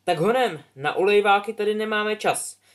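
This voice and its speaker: A man voicing a brisk, impatient female flying teacher who barks loud commands at her pupils. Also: high-pitched, clean tone, voice pushed up, close to an everyday voice. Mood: bossy.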